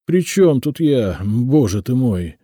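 A man's voice: on the low side, very animated, moderate pace, dark tone, no echo, studio quality. A man voicing a harried male office cashier who pleads and whines in a plaintive, flustered way, in a storybook reading. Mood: whining.

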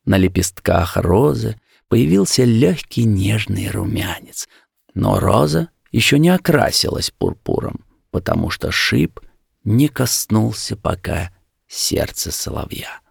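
A man narrating a fairy tale in a slow, expressive storytelling manner. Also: lowish voice, creaky, breathy edge, dry recording, studio quality.

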